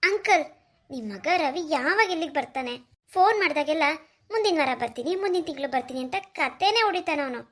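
A woman's voice: sits high, expressive, fast. A woman playing an eager, pleading young woman. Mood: complaining. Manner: bright, coaxing, pleading. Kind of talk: cartoon voice acting.

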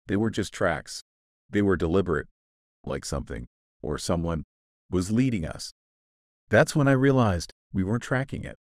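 Deep-voiced man narrating a horror tale. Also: lively intonation, moderate pace, pauses often, dry recording, studio quality. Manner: grave, suspenseful storytelling. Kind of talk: scripted first-person horror narration.

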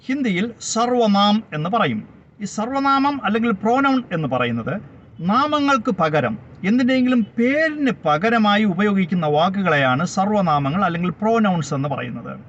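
A man teaching a spoken language lesson, going slowly and deliberately through lists of words. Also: high voice, very animated, a bit bright, dull audio, a little hiss or hum. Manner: slow, deliberate, repeating word lists.

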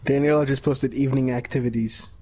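A man's voice: mid-range voice, steady tone, fast talker, darkish tone, muffled recording, slight background noise. A man in casual voice chat among friends, insistently defending himself. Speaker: gamer in voice chat.

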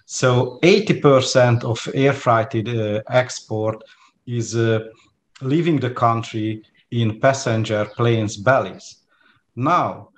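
Hungarian-accented man, 40s, guest on a video call; halting, lots of "uh"s, light background hiss. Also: medium pitch. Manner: hesitant, many fillers and restarts. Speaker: guest lecturer. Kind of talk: interview over video call. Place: home room with plants.

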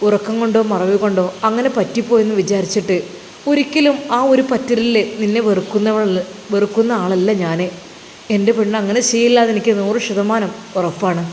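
A woman's voice: mid-range voice, a little fast, darkish tone, natural voice. A woman voicing a young husband who speaks tenderly and reassuringly to his wife. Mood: soothing. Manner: tender, soothing. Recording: reverberant room with faint noise.

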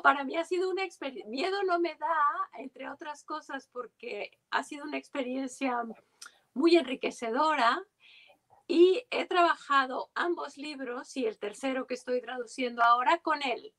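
A woman's voice: high voice, a bit bright. A woman translator in casual conversation, thoughtful and given to tag questions at the end of her points. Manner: thoughtful, often ends with "digamos, ¿no?".

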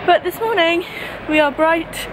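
A woman's voice: very high voice, unhurried. A young woman vlogging casually at an outdoor Christmas market, giggly and playful. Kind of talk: casual vlog chat. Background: loud crowd and street noise.

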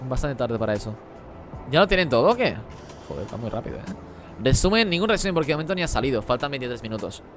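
A man streaming a game live, talking rapidly as he reads and answers the chat. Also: medium pitch, very animated, faint music behind. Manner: rapid-fire talk while reading chat. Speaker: gaming streamer.

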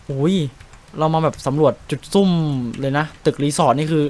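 Here a young man with a Thai accent streams a game, talking fast in a fairly high pitch, full of chatty excitement and offhand cursing as he explains his tactics.

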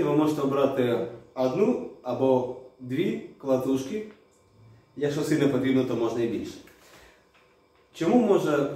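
A man's voice: mid-range voice, warm tone. A man who makes drums, explaining step by step and addressing viewers directly. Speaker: drum workshop maker. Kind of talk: product explainer video. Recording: very echoey room, distant mic.

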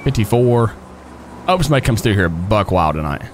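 A folksy man hosts a live police role-play stream. His pitch swings wildly and he talks quickly and excitably, with faint vehicle noise behind him. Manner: folksy, excitable, addresses chat and buddies. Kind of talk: casual live stream chat while playing.

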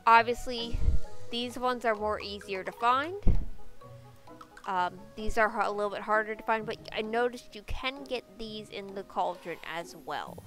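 A young woman who makes game videos narrates a casual gameplay guide in a congested, stuffy voice. She's chatty and upbeat, filling her talk with fillers at an unhurried pace. Her voice is mid-range, and music plays in the background.

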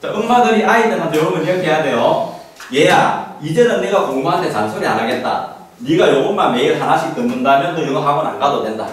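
Talking fast in a slightly high, animated voice, a middle-aged man delivers an informal, emphatic lecture to parents and often asks rhetorical questions. He's in a small classroom with a handheld mic, while a camera at a distance captures the echoey room and its background noise.

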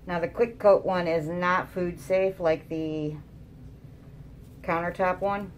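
A woman's voice: lowish voice, fairly even intonation, takes it slowly, a little hiss or hum. A woman casually narrating a craft tutorial, her voice muffled by a mask over her mouth. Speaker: resin craft demonstrator.

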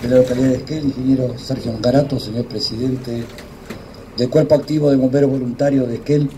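An older man with an Argentine Spanish accent gives a solemn, emphatic public speech with deliberate pauses, moved by emotion, into a podium microphone outdoors. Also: medium pitch, fairly even intonation, dark tone, rough recording. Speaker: war veteran giving a speech. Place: outdoors in a yard before a small gathering. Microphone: microphone on a stand at a podium, PA speakers. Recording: outdoor PA speech with clear background noise.

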